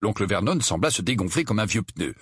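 A man reading a novel aloud as audiobook narrator, steady storytelling delivery. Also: lowish voice, brisk, husky, no room sound, clean studio sound. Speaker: audiobook reader.

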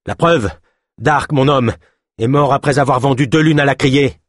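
A man's voice: mid-range voice, normal speed, dry recording, studio quality, pitched above the performer's own voice, natural voice. A man voicing a defiant old female healer who scolds her accuser. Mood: accusing. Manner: scolding, sharp retorts.

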